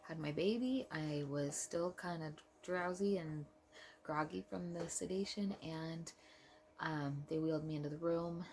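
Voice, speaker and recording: A young woman vlogger telling a personal story in an earnest, emotional way, with soft pauses. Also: low-pitched, creaky, a little hiss or hum.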